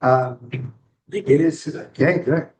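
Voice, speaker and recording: A man running a club meeting in a relaxed, joking way, welcoming members and guests. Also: fairly high pitch, recorded from a distance, poor audio. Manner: relaxed, joking, slow-paced. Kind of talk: casual meeting chat.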